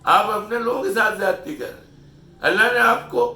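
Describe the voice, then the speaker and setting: A man's voice: high voice, sharp tone. A middle-aged man from Pakistan delivering an opinion monologue, lecturing and scolding his listeners with rhetorical questions. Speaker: channel host. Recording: echoey room, voice distant from mic.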